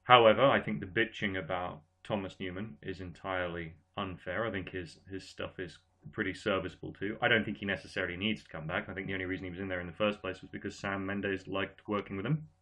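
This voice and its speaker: A man's voice: low voice, steady tone, fast talker, few pauses, a bit bright. A man who is half Irish and half English hosts a casual panel chat, talking animatedly with an English accent and an Irish lilt. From Ireland and England. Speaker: podcast host.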